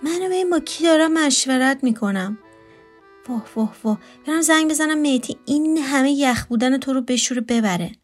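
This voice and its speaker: A sarcastic female houseguest who needles and teases in a sharp, bossy way, as a woman narrator reads her lines. The voice sits fairly high. Quiet music plays under the storytelling. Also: close to an everyday voice. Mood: teasing. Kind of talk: read storytelling.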